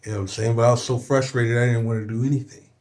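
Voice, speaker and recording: Man, from southern california, podcast guest, candid storytelling, emphatic, swears a lot, mid-pitched voice. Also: little pitch movement, rapid-fire, darkish tone. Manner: emphatic and profane, with frequent "you know what I'm saying".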